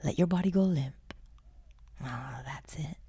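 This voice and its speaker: A woman guides a sleep meditation, her voice soft, breathy and often close to a whisper, soothing, unhurried and gently encouraging. It sits low, with no echo.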